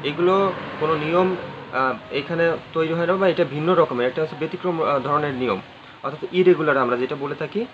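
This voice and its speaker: A man's voice: a little high, quick pace. A man teaching an English grammar lesson, spelling words letter by letter, repeating phrases and asking his viewers questions. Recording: slightly dull audio with faint ambient noise.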